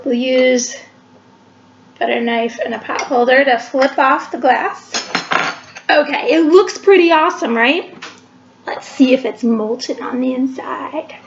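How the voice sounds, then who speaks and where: A woman's voice: high-pitched, measured pace, noisy background. A woman, chatting through each step of a home cooking demonstration in her kitchen, recorded on a webcam across the counter. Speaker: library cooking show host. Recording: echoey kitchen, dull lo-fi webcam sound.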